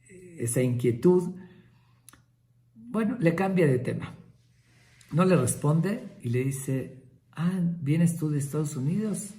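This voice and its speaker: A male rabbi teaches a Talmud lesson, telling the story in a conversational way. His voice is dark and gravelly. He often pauses to check in with his listeners. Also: mid-range voice.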